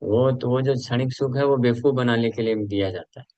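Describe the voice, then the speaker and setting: A man's voice: medium pitch, a little fast, a little mellow, no echo, lo-fi sound. A man giving a conversational scripture class as a preacher, asking his listeners questions and mixing Hindi with English.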